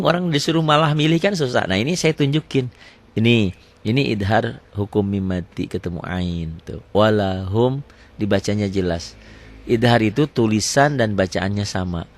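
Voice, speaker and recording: A man gives a tajwid lesson. He asks a question, answers it himself, then stretches out each recited example. His tone is that of a patient Quran recitation teacher. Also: lowish voice. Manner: slow drawn-out recitation of verse examples.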